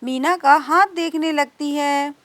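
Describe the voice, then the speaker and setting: A woman storyteller explains a homemade doll story scene by scene in plain, simple words. Her voice is high and her pace slow, with a dry, close sound. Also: steady tone, a bit bright, dry recording.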